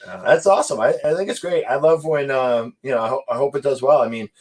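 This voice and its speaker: A man's voice: mid-range voice, quick pace, darkish tone. A man with a Boston accent, a real estate investor guest chatting casually, laughing easily and restarting sentences. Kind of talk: casual chat.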